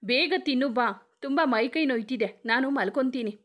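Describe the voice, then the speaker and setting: A woman's voice: high voice, normal speed, a bit bright. A woman reading a grieving police dad. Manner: tender, pleading. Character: grieving male police officer, loving father.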